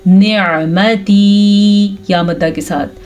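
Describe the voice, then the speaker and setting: A woman teaching Quran recitation rules, explaining each sound and then reciting words slowly and drawn out. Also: mid-range voice, animated, darkish tone. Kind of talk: recitation lesson with slow drawn-out recitation.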